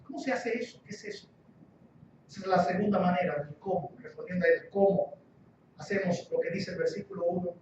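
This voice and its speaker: A guest pastor with a high voice delivers an emphatic sermon, hammering his points with repeated key phrases and rhetorical questions. The mic is distant and dull, leaving his muffled voice echoing heavily through a church hall. His pace is brisk, and the background is noisy.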